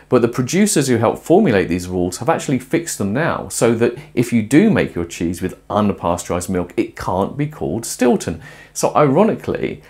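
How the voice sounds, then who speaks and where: A middle-aged man presenting a cooking and philosophy film in his home kitchen, explaining ideas in a thoughtful, lively way. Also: on the low side, slightly rough. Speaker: host.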